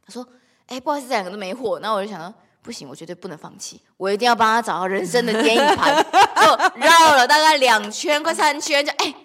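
A woman whose first language is Korean, co-hosting a podcast and telling stories in an animated, laughing way. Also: fairly high pitch, fast talker. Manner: animated storytelling, bursts of laughter. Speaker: podcast co-host. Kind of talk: casual chat.

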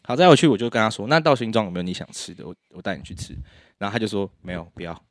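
A man's voice: on the low side, big pitch swings, rapid-fire, no echo, clean studio sound. A young man, telling a story in casual podcast chat and laughing often. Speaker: podcast guest.

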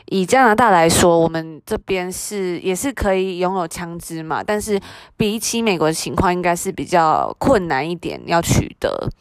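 A woman's voice: fairly low pitch, expressive, moderate pace, smooth. A woman podcast co-host with a Taiwanese Mandarin accent, discussing news casually and conversationally.

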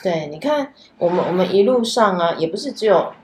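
A woman's voice: fairly low pitch, animated, a little fast, a little mellow, a little hiss or hum. A woman who hosts a podcast, talking in a thoughtful, reflective way in a casual chat. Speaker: podcast host. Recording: echoey room.

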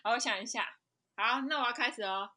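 Female co-host, Taiwanese Mandarin accent, higher bright voice, casual banter on a faintly noisy remote line. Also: fast, dry recording, studio quality. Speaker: podcast co-host. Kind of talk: casual group chat. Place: remote online call from home.

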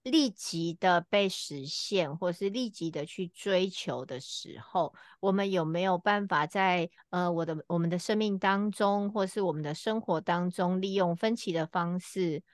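A middle-aged woman co-hosting a casual podcast, telling a personal story with frequent filler pauses. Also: lowish voice, no echo, studio quality. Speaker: podcast co-host.

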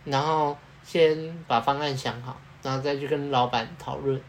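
A man's voice: mid-range voice, steady tone, moderate pace, slight background noise. A man co-hosting a podcast, telling workplace stories in a loose, rambling way full of fillers. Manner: rambling storytelling with fillers and laughs. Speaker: podcast co-host. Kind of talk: casual chat.

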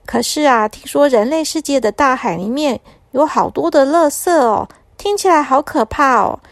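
A woman voicing a kindly female sea turtle who gently teaches children to look after the sea. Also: sits high, lively intonation, normal speed, dry recording, clean studio sound. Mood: caring. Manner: gently instructive.

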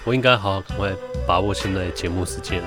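A man's voice: deep voice, fast, over music. A man co-hosting a podcast in casual chat, blunt and teasing, cursing casually as he talks. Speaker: podcast co-host.

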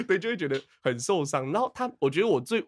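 A man in his thirties with a Taiwanese Mandarin accent, chatting on a podcast, telling a story with animated, laughing delivery. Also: fast. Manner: animated storytelling, acts out quotes in a high squeaky voice, laughs often. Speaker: podcast co-host. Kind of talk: casual chat.

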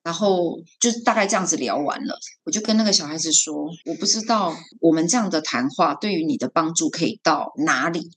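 A woman's voice: deep voice, a little fast, few pauses, husky. A woman coach, recounting a talk with a student in a podcast conversation and acting out the quoted lines. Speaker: guest coach and homeroom teacher.

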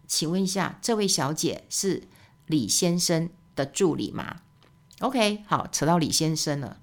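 Chatty woman, gravelly low voice. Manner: chatty, with frequent tag particles and fillers. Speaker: podcast host. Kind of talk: casual monologue.

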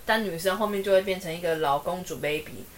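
A woman's voice: fairly low pitch, fast talker, a little hiss or hum. Woman retelling a story animatedly. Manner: animated retelling with acted quotes. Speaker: podcast co-host. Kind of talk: casual chat.

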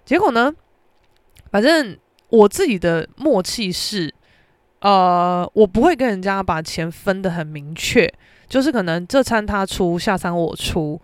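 Animated Taiwanese woman ranting. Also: mid-range voice, a little slow, no room sound. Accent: Taiwanese Mandarin. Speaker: podcast host. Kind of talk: casual storytelling.

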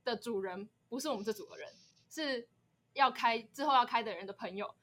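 A young woman in her twenties with a Taiwanese Mandarin accent, co-hosting a podcast and telling a story in a quick, chatty way. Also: on the high side, a bit bright. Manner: quick, chatty, setting up background details. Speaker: podcast co-host. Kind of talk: casual storytelling chat.

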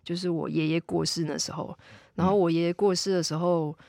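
This podcast guest, a film and VR director, has a fairly low, steady, gravelly voice with a slightly mellow quality, and she talks briskly. Speaking casually with a Taiwanese Mandarin accent, she walks through ideas step by step and frequently circles back over her words. The recording is dry and studio-clean.

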